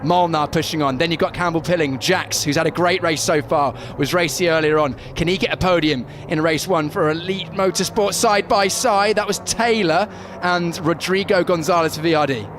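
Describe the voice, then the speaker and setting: A man's voice: fairly high pitch, moderate pace. A man co-commentating live on motorsport, keenly analysing and explaining the racing over trackside noise. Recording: clear outdoor engine and ambience noise.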